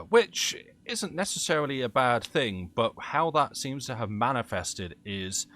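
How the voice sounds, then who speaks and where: A man's voice: mid-range voice, pushed and bright. A man with a Cockney accent, chatting casually on a live game stream and ranting with passion, often restarting his sentences. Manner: impassioned ranting, frequent restarts. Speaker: gaming streamer.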